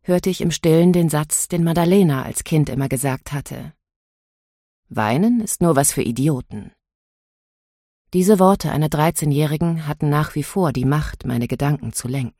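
A woman narrating a novel in the first person, in a measured, inward storytelling manner. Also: sits low, dark tone, no room sound, studio quality. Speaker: audiobook narrator.

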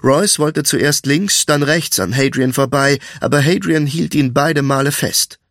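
A man narrating a fantasy audiobook in an even, measured storytelling voice. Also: a little high, dry recording, studio quality.

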